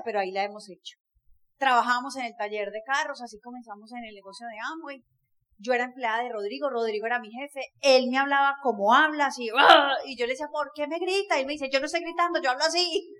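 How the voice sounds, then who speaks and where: A woman, giving an energetic, emphatic motivational talk to a live audience, often laughing and working the crowd. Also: high-pitched. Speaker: motivational speaker.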